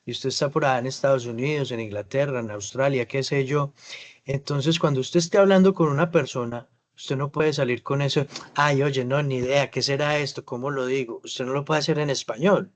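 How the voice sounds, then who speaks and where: A man teaching an English class over a video call, explaining patiently and slowly modeling English words. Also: mid-range voice, steady tone. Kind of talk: online class feedback.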